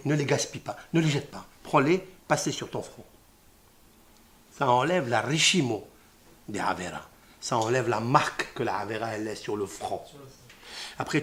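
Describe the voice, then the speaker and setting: A Torah teacher with a mid-range voice gives a religious lesson on scripture, sprinkling in Hebrew terms. His delivery swings from hushed murmurs to loud exclamations.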